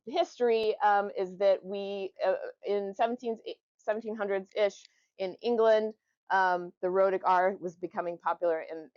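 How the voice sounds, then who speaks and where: A dry, slightly muffled lo-fi recording of a woman presenting informally. She speaks at a middling pitch in a conversational, joking way, explaining things to a group and sounding out example words as she goes. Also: darkish tone, clean tone, dry recording. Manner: jokey, conversational, demonstrating word pronunciations.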